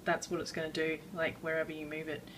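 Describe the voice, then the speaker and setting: A woman giving a casual drawing tutorial, rambling and self-deprecating with many fillers, a bit out of breath and clearing her throat. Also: sits low, monotone, quick pace, recorded from a distance, heavy background noise. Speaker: art tutorial maker.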